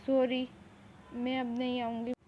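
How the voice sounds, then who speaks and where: A woman's voice: on the high side, monotone, a little slow, close to an everyday voice. A woman voicing a timid young girl who pleads and apologizes in a fan audio drama. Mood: apologetic. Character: innocent young girl, kidnapped, timid and sulky. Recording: tinny phone-like recording, faint hiss.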